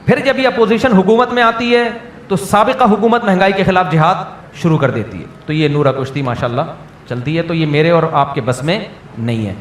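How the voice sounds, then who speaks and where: A man, a mufti answering questions from listeners in a plainspoken, teasing way, often checking whether the point has landed. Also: a little high. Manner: plainspoken, teasing, keeps asking if the point is understood. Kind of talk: question-and-answer religious talk. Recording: echoey room with faint background noise.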